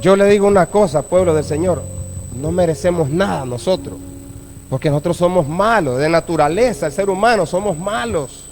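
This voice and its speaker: High-voiced man preaching a sermon. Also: moderate pace, darkish tone, faint music behind. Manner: preaching with frequent "¿verdad?" asides to the congregation. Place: church.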